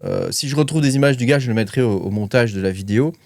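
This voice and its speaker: A man's voice: medium pitch, fast, a little mellow, no echo. Rambling man, dry close sound. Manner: rambling, many fillers and hesitations, reading notes. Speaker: crypto channel host. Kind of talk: casual commentary to camera.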